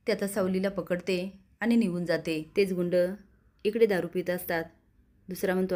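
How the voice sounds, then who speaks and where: A woman recapping a TV serial episode, quoting the characters' lines as she narrates. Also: on the low side. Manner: retells scenes, quoting each character's lines in turn. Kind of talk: storytelling recap with acted dialogue.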